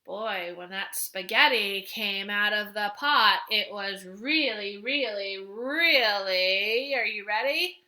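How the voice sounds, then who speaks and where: A woman teaches young children to sound out words, drawing each letter sound out slowly and patiently. Her voice is bright and ringing, and she talks at an unhurried pace, checking in often with her class. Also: mid-range voice. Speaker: kindergarten teacher.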